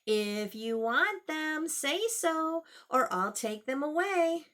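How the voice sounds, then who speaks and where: A woman voicing a timid but clever little boy in a children's story, with a high, pleading, breathless delivery. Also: animated, slow pace, fairly bright tone, heavily acted. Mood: coaxing.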